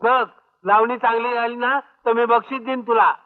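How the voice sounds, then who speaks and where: A man's voice: extremely high pitch, flat delivery, moderate pace. A blustering old ex-policeman. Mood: stern. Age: older. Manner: stern, blustering. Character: blustering older retired policeman, stern and easily scared. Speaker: retired police officer, fair organiser. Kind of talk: 1980s film comedy acting. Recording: tinny lo-fi film soundtrack.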